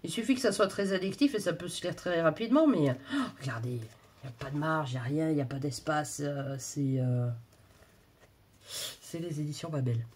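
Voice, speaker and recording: A woman's voice: low-pitched, expressive, brisk, a little mellow, breathy edge. A woman chatting casually while unboxing books and reading back-cover blurbs, often breaking into exclamations. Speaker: book vlogger.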